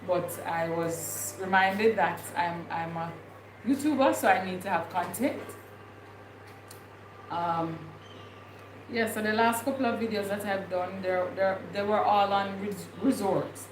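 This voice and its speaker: Her voice is medium-pitched and unhurried as this young Jamaican-accented vlogger chats on a livestream, rambling and musing aloud with frequent fillers. Background noise is clear and the room echoes.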